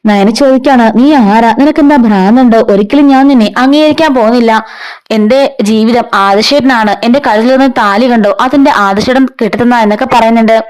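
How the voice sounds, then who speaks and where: A woman's voice: fairly high pitch, brisk, a little mellow. Chatty woman retelling a serial story. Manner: chatty, adds "ട്ടോ" tags, quotes characters in own voice.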